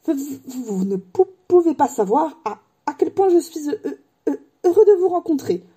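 A woman's voice: sits high, sing-song, normal speed, mellow, pitched above the performer's own voice. A woman doing a stammering, jittery young professor. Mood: nervous, stammering. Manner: stutters on nearly every word.

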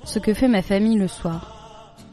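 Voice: medium pitch, unhurried, mellow, faint music behind, lightly acted. A storyteller voicing an earnest young schoolboy in a plain, everyday tone. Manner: plain, earnest child's talk.

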